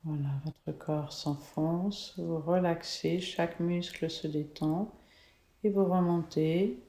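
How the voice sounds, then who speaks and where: Soothing, slow woman guiding meditation. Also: on the low side, fairly even intonation. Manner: soothing, slow, gentle spa-like delivery. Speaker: host leading a guided colour meditation. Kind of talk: guided relaxation meditation. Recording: echoey, reverberant room.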